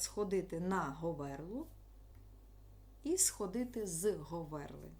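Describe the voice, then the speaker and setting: A woman's voice: lowish voice, a little mellow. A woman teacher explaining a school lesson to children, patient and step by step.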